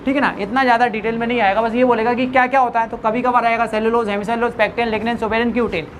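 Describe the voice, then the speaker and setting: A woman's voice: fairly high pitch, fairly even intonation, rapid-fire, a little hiss or hum. A woman biology teacher lecturing a classroom, repeating questions for the students to answer back and joking with them informally. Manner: repeats questions to the class, call-and-response drilling.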